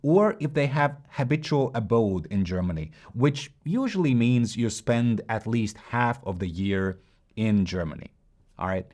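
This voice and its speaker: A man hosts an investing channel and explains taxes in a direct, instructive way. His voice sits at an average pitch, and his delivery is brisk and scripted as he walks the viewer through the steps. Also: lively intonation, a little mellow. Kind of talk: scripted explainer with screen walkthrough.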